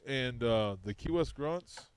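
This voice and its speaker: A man's voice: mid-range voice, expressive, slow, smooth. A man co-hosting a fishing radio show, sharing tips in casual, rambling chat with many restarts.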